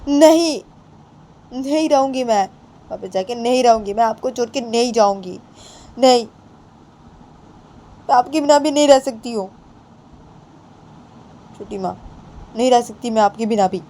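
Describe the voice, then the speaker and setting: A woman voicing an emotional young woman who pleads and refuses in a raised, high voice. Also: measured pace, pauses often, dark tone. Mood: pleading refusal. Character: young woman, tearful and clinging to her aunt.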